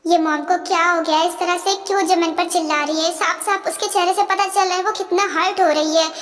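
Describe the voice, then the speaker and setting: A woman's voice: very high voice, steady tone, a little fast, a bit bright, soft background music. A woman dubbing a caring, protective young man who soothes and pleads. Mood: puzzled. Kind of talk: amateur fan dub.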